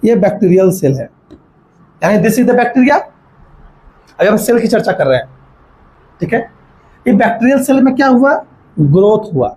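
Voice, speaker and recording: Male biology lecturer, high voice, quizzing tone, dictates notes word by word. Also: animated, darkish tone, a little hiss or hum, rough recording. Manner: asks rhetorical questions and checks understanding; mixes in English terms while dictating notes slowly. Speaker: biology teacher. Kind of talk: classroom lecture.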